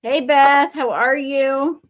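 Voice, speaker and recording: This crafting livestream host, who has a Texan accent, speaks slowly in a high-pitched, steady voice. She rambles cheerfully to her audience as she works, picking up and replying to their comments.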